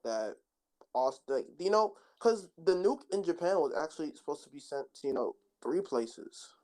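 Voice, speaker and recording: A man's voice: fairly high pitch, lively intonation, normal speed, darkish tone. A young man co-hosting a casual podcast, spinning absurd jokes in a playful way. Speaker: podcast co-host. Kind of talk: casual joking chat.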